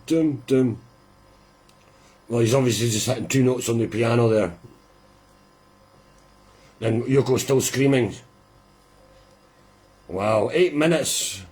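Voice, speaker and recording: Husky man chatting through a record. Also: medium pitch. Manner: chatty, rambling, quietly amused. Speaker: host of a live listening party. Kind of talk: casual live commentary.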